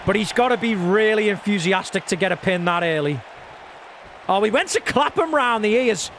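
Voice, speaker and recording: A man doing play-by-play as an excitable wrestling commentator on a video game match, prone to shouting at big moves. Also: high voice, moderate pace, some chatter behind, a little hiss or hum.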